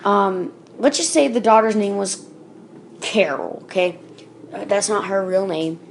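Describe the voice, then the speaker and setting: A woman tells a spooky internet story in a loose, unscripted manner, with fillers and small restarts. Her voice sits in an ordinary middle pitch. A faint hiss runs under the recording. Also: measured pace. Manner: casual, with fillers and self-corrections. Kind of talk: casual spoken creepypasta reading.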